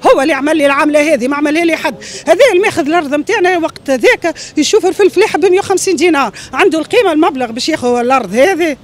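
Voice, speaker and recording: This interviewee, a middle-aged Tunisian woman, races through her grievance in a high voice with hardly a pause, sounding agitated, emphatic and pleading. It's a street interview recorded outside on a busy city street with a handheld reporter mic.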